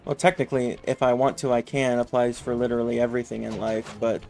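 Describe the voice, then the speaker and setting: A man's voice: medium pitch, little pitch movement, fast, creaky, a little mellow, faint music behind. A man chatting casually and rambling while streaming a video game. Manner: rambling, laid-back. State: rough voice warming up. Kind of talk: casual chat over gameplay.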